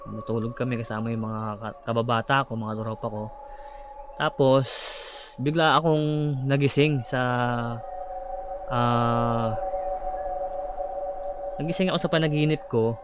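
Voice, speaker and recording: With a mid-range voice, a man casually recounts a personal horror story about sleep paralysis, speaking haltingly and re-enacting his own shouts. The audio is slightly dull, with clear background noise.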